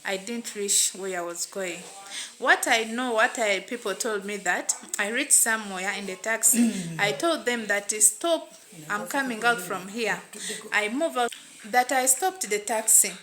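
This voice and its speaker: A woman's voice: mid-range voice, normal speed, fairly bright tone. A woman with a Ugandan accent telling a first-person story in a plain, repetitive way. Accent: Ugandan English. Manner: repetitive, plain retelling with "what and what" fillers.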